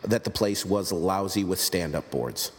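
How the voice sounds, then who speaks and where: A man with a low voice chats as a podcast host, rambling and cracking jokes at his own expense. His voice carries a long reverb tail. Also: lively intonation, unhurried. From United States. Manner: joking, rambling, self-deprecating. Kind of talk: casual podcast chat.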